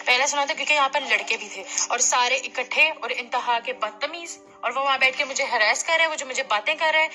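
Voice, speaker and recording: A woman's voice: sits high, fast, hardly any pauses, sharp tone, faint music behind. A young woman, arguing indignantly and insistently on a recorded phone call. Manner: indignant, insistent, repeats herself. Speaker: complaining client on a phone call. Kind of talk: heated phone argument.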